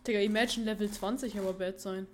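Young woman gaming w a friend, slangy quick callouts, just chatting. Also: mid-range voice, steady tone, very noisy. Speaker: gamer. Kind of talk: casual gaming chat.

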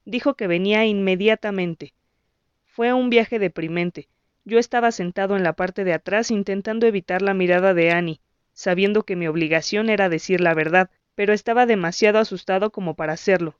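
A woman narrating a story in the first person with an even, measured reading. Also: mid-range voice, smooth, no room sound, muffled recording. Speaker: audiobook narrator.

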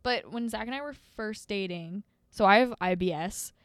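A young adult woman in casual chat, reacting with animated exclamations and sharing stories full of "like". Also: medium pitch, moderate pace, dry recording, studio quality. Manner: chatty, animated reactions, many "like" fillers.

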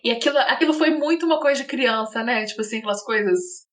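A woman with a high voice chatting as a podcast co-host. She is playful and laughs easily. The sound is roomy and echoey. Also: fast, a bit bright. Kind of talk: casual chat.

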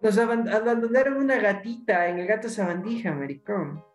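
A man's voice: high voice, a little fast, reverberant, soft background music. A young man with an Ecuadorian accent co-hosting a podcast, rambling in slang-heavy casual chat and laughing often. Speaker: podcast co-host.

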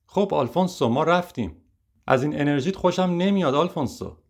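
A man's voice: mid-range voice, animated, lightly acted. A man voicing a blunt, pushy male producer in an audiobook reading. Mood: bossy.

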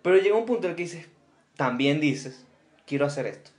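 A young Venezuelan man chats loosely as a podcast co-host, slangy and quick to jump in. His voice sits a bit high, and the recording carries a noticeable roomy echo. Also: expressive. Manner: slangy, laughs easily, chimes in. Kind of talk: casual chat.

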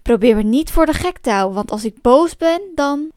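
A woman's voice: sits high, expressive, normal speed, dry recording, studio quality. A woman playing a blustering angry buyer. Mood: furious. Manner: loud, blustering. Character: angry greedy man who bought the donkey.

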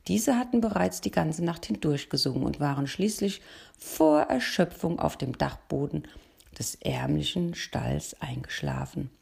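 Female storyteller, calm read-aloud, low and gravelly. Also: a little slow. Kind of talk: reading a children's story aloud.

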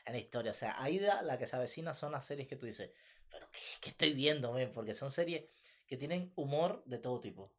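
A man's voice: mid-range voice, lively intonation, brisk, darkish tone. A man co-hosting a podcast in casual chat, emphatic and repeating his points. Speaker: podcast co-host.

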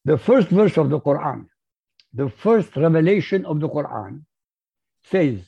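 A man with an Arabic accent, his first language Arabic, speaking as a podcast guest. He talks in an emphatic, lecturing way with a husky voice. The audio is muffled and lo-fi. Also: fairly high pitch, big pitch swings, a little slow, dark tone. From Iraq. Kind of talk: interview.

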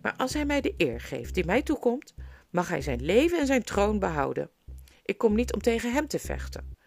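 A woman's voice: mid-range voice, wildly swooping pitch, moderate pace, vocal fry, dry recording, clean studio sound, voice pushed up, full character voice. A woman voicing a proud, cruel adult queen in an audiobook, speaking in a haughty, commanding and scornful way. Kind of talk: audiobook character voice. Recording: music playing underneath.

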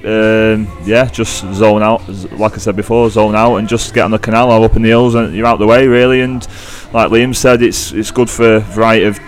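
Even-toned northern English man with a British accent. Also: fairly low pitch, a little fast, few pauses, faint music behind. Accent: northern English, Greater Manchester. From Greater Manchester, England. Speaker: podcast guest, club runner. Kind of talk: casual podcast interview.

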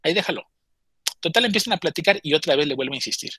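A man's voice: a little high, animated, very fast, pushed and bright, husky, no room sound. A man casually telling a story, chatty and often stammering as he restarts his phrases.

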